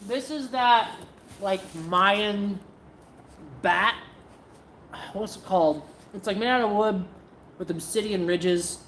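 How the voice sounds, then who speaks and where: Woman streamer, casual and rambling, mid-pitched voice, faint background noise. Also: slow pace, long pauses. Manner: chatty, scattered, self-interrupting. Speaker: livestream host and sword practitioner. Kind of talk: casual livestream chat with viewers.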